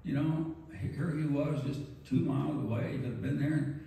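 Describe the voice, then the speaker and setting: Pastor preaching in an echoey church. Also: male voice, on the high side, steady tone, creaky, warm tone, recorded from a distance. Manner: earnest, measured preaching with emphatic pauses. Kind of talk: sermon. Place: large church sanctuary.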